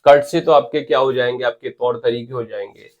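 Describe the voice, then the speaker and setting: A man's voice: mid-range voice, steady tone, brisk, a little mellow, dull audio. A man teaching English spelling for exams, spelling words letter by letter and urging viewers to comment. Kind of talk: exam-prep spelling lecture.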